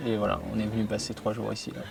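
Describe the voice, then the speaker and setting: A man's voice: fairly low pitch, monotone, very fast, creaky, distant mic. A man from Paris, a hiker, talking in a laid-back way in an interview. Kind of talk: casual documentary interview.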